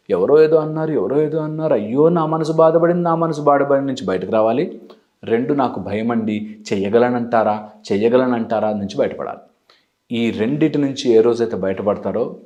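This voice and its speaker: A man's voice: mid-range voice, a little mellow. A man, a life coach, giving a motivational talk straight to his viewers. He repeats words for emphasis, slips English phrases in, and asks questions and gives instructions.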